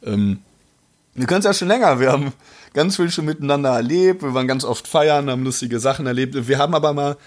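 A young man with a smoker's rasp, chatting casually and telling rambling, colloquial stories among friends. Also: mid-range voice, brisk.

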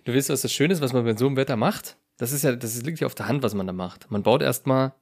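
A man's voice: medium pitch, quick pace. A man co-hosting a casual podcast from home, joking and laughing often. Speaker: podcast co-host. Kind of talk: casual chat. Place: warm room at home with a fan. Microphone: home microphone.

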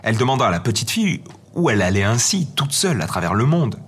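A man narrating a fairy tale as a storybook reading, in a gentle, measured manner. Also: mid-range voice, sing-song, slightly rough. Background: faint music.

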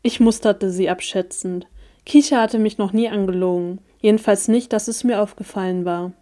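A woman reading a first-person story aloud in steady, measured audiobook narration. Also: medium pitch.

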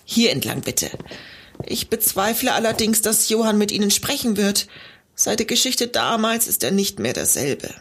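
Radio play: actress as dry-witted homeowner, sceptical but kind, animated pitch. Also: female voice, moderate pace, husky, heavily acted. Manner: wry, guarded, then welcoming. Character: wary, dry-witted woman of the house.

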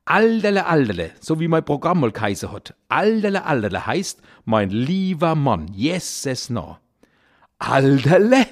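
A man with a broad Kurpfalz German accent delivers a comic dialect monologue in a slightly high voice. His intonation leaps and dips theatrically, and he chuckles through his punchlines. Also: big pitch swings, normal speed, few pauses. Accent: Kurpfalz (Palatinate) German. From Kurpfalz region, Germany. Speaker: cabaret artist, podcast host.

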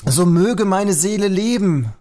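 A man's voice: sits high, expressive, measured pace, darkish tone, pitched above the performer's own voice. A man reading the part of a young male lover in a mock-solemn, theatrical way.

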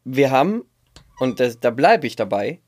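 A man co-hosting a casual talk podcast, telling stories in an animated way and mixing in English words. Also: mid-range voice, moderate pace. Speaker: podcast co-host. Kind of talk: casual chat. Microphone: podcast microphone.

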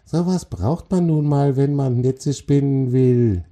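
Man voicing Sila, a tiny shrill cross spider. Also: expressive, measured pace, mellow. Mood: impatient. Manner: scolding, grumbling, impatient. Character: tiny cross female forest spider, impatient.

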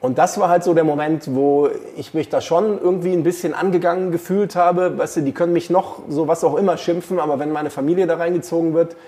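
A man's voice: fairly high pitch, fairly even intonation, fast talker, hardly any pauses, dark tone. A man, a journalist and podcast co-host, telling long anecdotes in casual chat with many fillers.

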